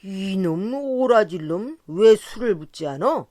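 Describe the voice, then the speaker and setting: A woman voicing a rowdy, drunken middle-aged rickshaw puller in an audiobook, shouting and cursing with slurred speech. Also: medium pitch, lively intonation, measured pace, no echo, clean studio sound. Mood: drunken bellowing. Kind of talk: audiobook character voice.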